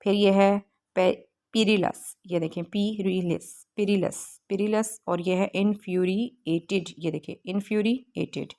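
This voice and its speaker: A woman teacher walking students through a textbook exercise step by step, reading English lines slowly with frequent pauses. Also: medium pitch, steady tone, a little mellow. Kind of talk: textbook lesson walkthrough.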